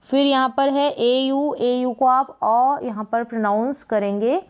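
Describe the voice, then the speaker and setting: A woman's voice: high-pitched, steady tone, measured pace, clear, resonant tone. A woman with a Hindi accent teaching English phonics, spelling each word letter by letter and repeating it. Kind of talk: slow phonics lesson.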